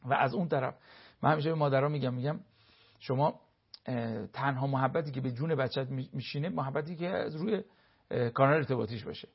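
A man's voice: mid-range voice, vocal fry, slightly rough, lo-fi sound. A man speaking as a family counselor, explaining with everyday household examples and briefly acting out what spouses say. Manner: lively, acts out spouses' remarks in quotes.

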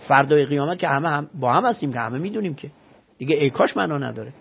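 A man's voice: a little high, vocal fry, husky, lo-fi sound. A man, a religious scholar, giving an emphatic explanatory talk full of rhetorical questions and recited scripture, heard on a radio broadcast.

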